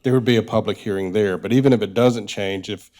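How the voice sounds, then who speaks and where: A man on county staff explaining public hearing procedure to a council in a measured way. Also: fairly low pitch, darkish tone.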